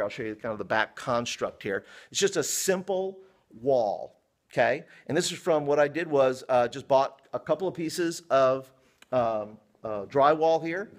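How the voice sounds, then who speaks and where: A middle-aged American man, an upbeat, chatty youth pastor talking casually to camera. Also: mid-range voice. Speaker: youth pastor, show host. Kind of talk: casual vlog talk to camera. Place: large indoor youth room with stage. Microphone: handheld phone at arm's length.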